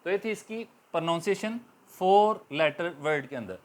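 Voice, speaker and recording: Man, high-pitched, Pakistani accent, patient teacher, repeats and stretches example words. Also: animated, normal speed. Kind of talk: classroom grammar lecture.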